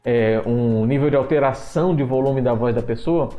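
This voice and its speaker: A man walking through his microphone filter settings in a screen-recorded software tutorial, often restarting phrases and repeating points as he goes. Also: mid-range voice, normal speed. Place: home room with street noise outside. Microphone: desktop microphone at a computer.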